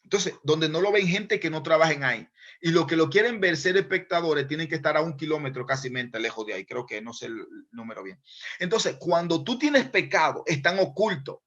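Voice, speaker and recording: A man delivers a sermon in a fairly high voice. He acts out little dialogues and moves between loud emphatic bursts and hushed, prayerful passages. The recording sounds dull and lo-fi. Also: animated, brisk. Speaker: preacher.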